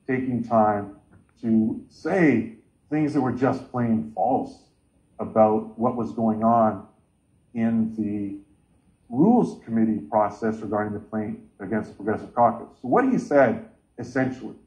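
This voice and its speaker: A man's voice: fairly low pitch, a little slow, warm tone. Guy in his 40s on a video call, earnest, muffled lo-fi audio. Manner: earnest, gesturing with both hands. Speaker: caucus meeting chair. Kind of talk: online meeting remarks. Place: home room with bookshelves. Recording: dull lo-fi sound from a laptop.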